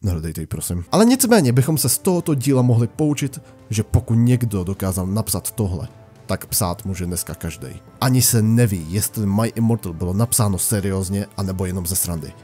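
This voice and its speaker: A man with a low, dark, mellow voice reads and mocks a fan fiction in a sarcastic, exasperated tone. His pitch jumps around lively as he rants. Faint music plays in the background. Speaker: YouTube narrator. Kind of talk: sarcastic dramatic reading and commentary.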